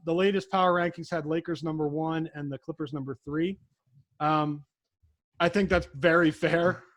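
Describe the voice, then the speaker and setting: A man's voice: on the high side, no echo. A young man hosting a casual sports podcast, teasing his co-hosts and laughing often. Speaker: podcast host.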